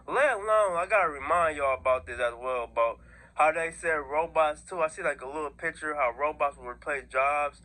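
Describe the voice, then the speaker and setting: A man's voice: fairly high pitch, brisk, sharp tone. An American man hosting an online video, rambling casually through his opinions in heavy slang and often checking that listeners follow him. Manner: slangy, repeatedly seeking agreement with listeners.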